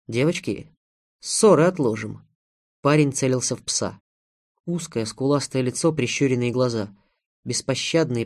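A man narrating an audiobook in a measured, dramatic reading. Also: medium pitch, darkish tone. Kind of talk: scripted narration.

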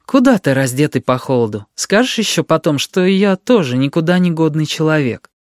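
A man's voice: a little high, big pitch swings, brisk, no room sound, clean studio sound, pitched above the performer's own voice. Man putting on a fussy, grumbling aunt. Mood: fussing. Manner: grumbling yet kindly. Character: fussy caring middle-aged aunt.

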